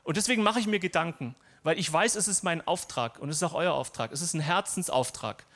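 A man's voice: on the high side, brisk, fairly bright tone. A man preaching a sermon in a conversational, personal and lightly humorous way.

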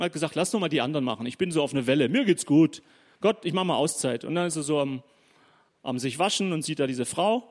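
A man preaching a sermon, telling Bible stories in a lively, chatty way and briefly acting out the people in them. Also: high-pitched. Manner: lively storytelling, acting out biblical figures in quick asides.

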